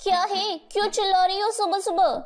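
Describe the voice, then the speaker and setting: A woman's voice: very high voice, fairly even intonation, fairly quick, background noise, voice pushed up. Woman doing a spiteful taunting sister-in-law. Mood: snappy. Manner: taunting, sharp and complaining.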